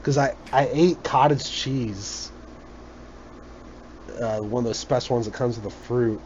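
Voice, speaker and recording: A man's voice: mid-range voice, measured pace, darkish tone. A man hosting a casual podcast chat, rambling and joking and laughing often. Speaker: podcast host. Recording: muffled lo-fi recording with faint noise.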